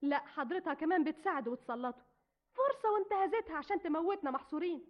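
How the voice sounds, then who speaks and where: A woman's voice: sits high, quick pace, natural voice. An Egyptian actress playing a young orphan girl who is desperate to escape her stepmother. She speaks in an Egyptian Arabic accent and is emotional and pleading. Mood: frustrated. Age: young adult. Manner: emotional and pleading, often tearful. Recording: dull old radio recording.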